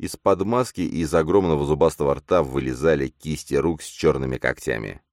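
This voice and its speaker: Deep-voiced man narrating a story, steady pace, dry studio sound. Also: a little fast, no room sound. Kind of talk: audiobook narration.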